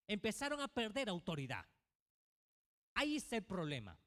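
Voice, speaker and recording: Lively high-voiced man preaching. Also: normal speed. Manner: preaching with many rhetorical questions. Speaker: pastor. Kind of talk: sermon. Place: church. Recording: reverberant church hall.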